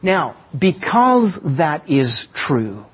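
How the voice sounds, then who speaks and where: Male pastor, fairly high husky voice, sermon on a muffled lo-fi recording. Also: big pitch swings. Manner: teaching with illustrations and slow emphatic pauses.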